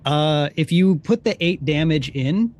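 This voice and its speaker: Animated man as tabletop game master. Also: on the high side, unhurried, soft background music. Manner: casual, informal. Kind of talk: running a tabletop role-playing game.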